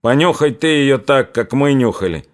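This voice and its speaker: A man's voice: medium pitch, lively intonation, moderate pace, voice pushed up, close to an everyday voice. A man voicing an embittered young male Cossack in a spoken audiobook. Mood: bitter.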